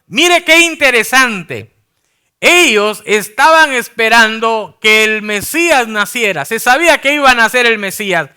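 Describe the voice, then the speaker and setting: A pastor preaching a sermon in a church, calling the congregation brothers and asking them rhetorical questions. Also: male voice, high voice, bright, forceful tone, smooth.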